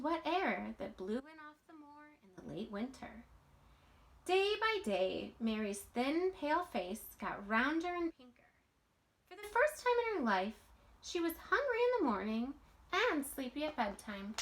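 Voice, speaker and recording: Like a teacher with a young audience, a woman takes her time reading a children's storybook, separating each phrase with deliberate pauses. Her fairly high voice is expressive and swoops up and down often.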